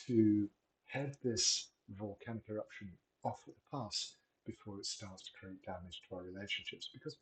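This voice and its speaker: A middle-aged man giving a gentle, measured talk on wellbeing, encouraging and unhurried with frequent pauses. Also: on the low side, low-quality recording. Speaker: wellbeing presenter. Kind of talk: reflective solo talk.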